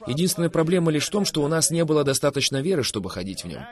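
A man preaches with fervor and emphasis, his pitch lively, swinging from loud bursts to soft, drawn-out phrases in a preaching conversation.

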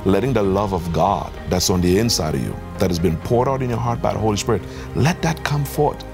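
A male pastor with a very low voice. He talks in an earnest, emphatic preaching cadence as he introduces his ministry and exhorts his listeners. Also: expressive, fairly quick, gravelly, music in the background. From Trinidad and Tobago. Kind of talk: testimony and exhortation.

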